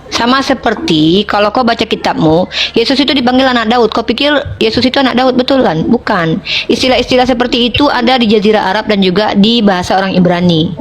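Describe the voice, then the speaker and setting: Fast, combative high-voiced woman debater. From Indonesia. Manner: combative, mocking, talks over the other. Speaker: debate host. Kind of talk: heated online debate.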